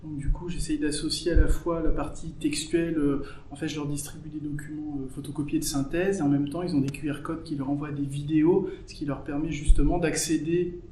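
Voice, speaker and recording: A man's voice: on the high side, level tone, fairly quick, few pauses, mellow, slight background noise. A man teaching at a bilingual school, explaining his methods step by step with many fillers in an interview. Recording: echoey room, faint ambience.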